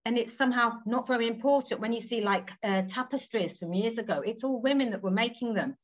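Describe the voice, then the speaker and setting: A woman's voice: on the high side, a little fast. A woman, chatting thoughtfully as an interview guest over a video call. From England. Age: 40s. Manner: chatty, thoughtful, trailing asides with tag questions. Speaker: guest textile artist. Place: home room with green walls. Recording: slightly dull video-call audio.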